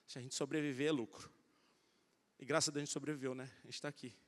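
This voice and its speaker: A middle-aged man preaching a sermon, telling stories in an animated way and acting out the voices of the people in them. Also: medium pitch, fast. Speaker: pastor. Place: large church hall. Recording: church hall reverb.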